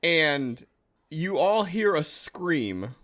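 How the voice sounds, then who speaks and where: A man's voice: on the high side, very animated, drawn-out words, a bit bright. A man running a tabletop role-playing game as game master, narrating in a laid-back way.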